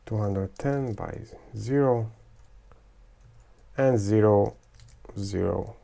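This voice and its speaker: He's a teacher recording a software tutorial on screen, his gravelly voice dark in tone and on the low side. Thinking aloud, he stumbles along with frequent fillers and restarts, his first language being Croatian, Serbian and Hungarian.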